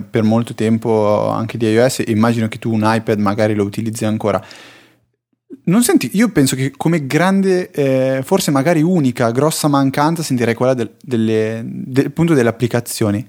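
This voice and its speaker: A man's voice: mid-range voice, a little mellow. A man hosting a casual tech podcast, asking questions and musing with fillers.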